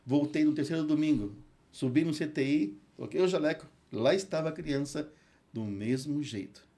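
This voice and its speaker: A man with a Brazilian Portuguese accent, a hospital chaplain and pastor, tells an earnest testimony in an interview and recites scripture slowly. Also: on the high side, dark tone. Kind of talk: emotional testimony in a podcast interview.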